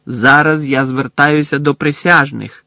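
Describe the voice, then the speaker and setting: A man voicing a stern older male judge who speaks loudly and formally. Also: a little high, fairly even intonation, unhurried, gravelly, no room sound, exaggerated voice. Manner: loud, shouting, clipped formal speech.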